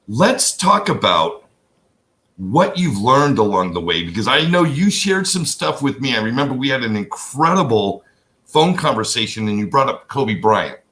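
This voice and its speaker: A man's voice: medium pitch, pushed and bright. An older man hosting an interview show, talking in an enthusiastic, rambling way with frequent restarts. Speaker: host. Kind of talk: casual interview chat.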